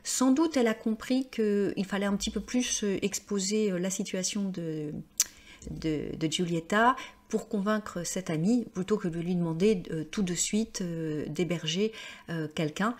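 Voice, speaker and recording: A woman teaching French grammar, explaining slowly with frequent hesitations and fillers. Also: mid-range voice. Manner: slow, hesitant, many fillers.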